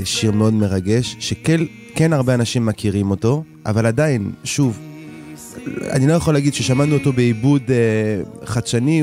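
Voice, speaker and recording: A man's voice: medium pitch, warm tone. A man with a French accent in Hebrew, talking casually as a singer being interviewed on the radio. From France. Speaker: singer, studio guest.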